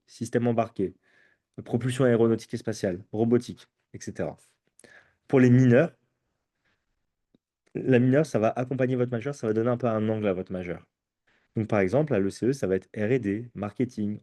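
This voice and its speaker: A man's voice: lowish voice, dark tone. A tired man giving an informational talk to students as a prep course presenter. He explains at length with frequent hesitations and keeps checking in with his listeners.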